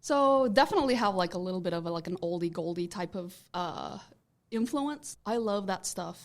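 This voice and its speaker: A woman's voice: on the low side, lively intonation, normal speed. A woman in her thirties from Turkey with a Turkish accent, a podcast guest in casual chat who rambles and circles back to restate her points.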